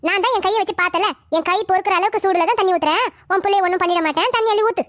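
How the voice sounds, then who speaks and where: Cartoon voice, bossy older mother-in-law, very high squeaky pitch, brisk scolding delivery. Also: a bit bright, dry recording, studio quality. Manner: scolding, dismissive, talks over others. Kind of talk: cartoon family drama voicing.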